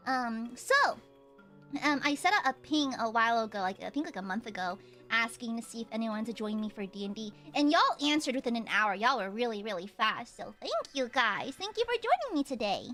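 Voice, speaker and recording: A woman hosting a tabletop game stream as game master, chatting casually in an animated, giggly way. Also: a little high, a little fast. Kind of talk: casual livestream chat. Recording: faint music behind the voice.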